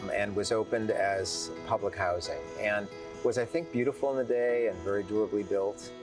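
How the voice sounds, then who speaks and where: Man, architect interviewee, reflective and low, recorded from afar over music. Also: moderate pace, distant mic. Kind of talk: documentary interview.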